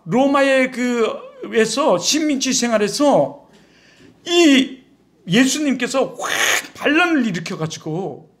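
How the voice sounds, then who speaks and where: A male pastor preaching a sermon in an animated, conversational way with rhetorical questions. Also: extremely high pitch.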